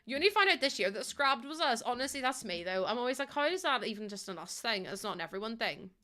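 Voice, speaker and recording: This young woman from Northern Ireland chats casually with viewers on a live stream, giggling and dropping local slang while faint music plays. Her voice is a little high, swings widely in pitch, and comes out fast, pushed and bright.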